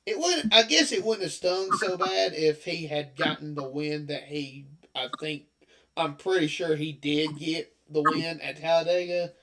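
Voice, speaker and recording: A man with a fairly high speaking voice chats casually on a podcast. He stumbles and restarts as he works up to venting his opinions. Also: a little slow, a bit bright. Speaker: podcast co-host. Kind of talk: casual chat.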